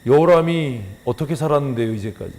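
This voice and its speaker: A man preaching a sermon as pastor, firing rhetorical questions at the congregation and swinging from loud scolding to hushed emphasis. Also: medium pitch, quick pace. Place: church sanctuary. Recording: long church hall reverb.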